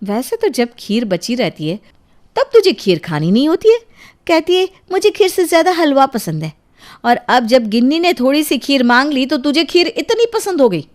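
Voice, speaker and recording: Brief: woman doing a high-voiced, exasperated cartoon mom who scolds nonstop. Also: very animated, normal speed. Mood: scolding. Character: strict, quick-tempered young mother. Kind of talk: cartoon voice acting.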